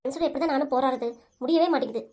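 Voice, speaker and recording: A woman voicing a nagging, sharp-tongued elderly grandmother in a cartoon comedy, with a southern Tamil Nadu accent, scolding and exasperated. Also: high-pitched, racing, natural voice. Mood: complaining.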